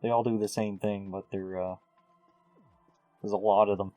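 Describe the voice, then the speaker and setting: A man's voice: fairly low pitch, level tone, normal speed, dark tone, faint music behind. A man hosting a video game playthrough with casual, offhand and wry commentary. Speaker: host playing and commenting on a game.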